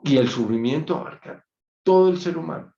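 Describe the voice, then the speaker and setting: A man giving an online lecture, measured and reflective, telling an anecdote. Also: fairly high pitch, animated, vocal fry, dark tone. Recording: dull muffled sound in an echoey room.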